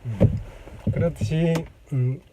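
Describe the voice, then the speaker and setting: A man hosting his own channel, explaining a topic casually to the camera with many pauses and fillers, demonstrating sounds as he goes. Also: fairly high pitch, noisy background. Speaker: channel host. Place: indoors on a lunch break. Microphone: camera mic.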